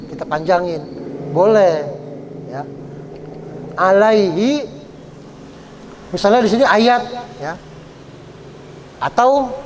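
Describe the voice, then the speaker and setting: Male Quran teacher, high voice, patient step-by-step explainer, faint noise behind. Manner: explains step by step, often adds "ya"; draws out example words slowly when chanting them. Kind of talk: Quran recitation lesson. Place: study gathering hall.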